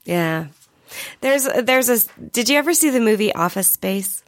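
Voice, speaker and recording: A woman co-hosting a podcast in casual, joking chat, laughing often, her voice rough from being sick. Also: fairly high pitch, expressive, a little slow, no room sound. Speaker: podcast co-host.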